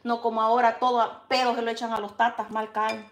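A woman's voice: on the high side, flat delivery, fast. A Salvadoran woman hosting a casual cooking show. She chats and teases, and calls out her food like a street vendor. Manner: chatty, teasing, calls out dishes like a street vendor. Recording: echoey kitchen with clattering dishes.

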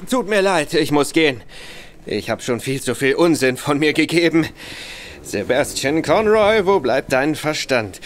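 Pitched a little high, this man's voice is expressive and unhurried as he plays the radio-play role of Sebastian Conroy. The character is a tipsy young nobleman, bitter and boastful, who drinks and rambles spitefully.

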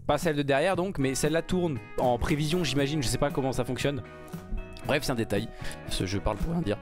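A man giving casual, excited commentary while reacting to a game trailer, rambling with many fillers and restarts. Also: mid-range voice, fairly quick, over music. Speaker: gaming YouTuber reacting to a trailer.

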